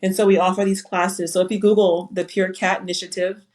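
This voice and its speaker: A woman's voice: mid-range voice, flat delivery, fairly quick, darkish tone. A woman from Liberia, speaking as a panel guest on a video call in an earnest, reflective way with frequent fillers. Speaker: foundation founder and panel guest. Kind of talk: casual panel talk on a live webinar.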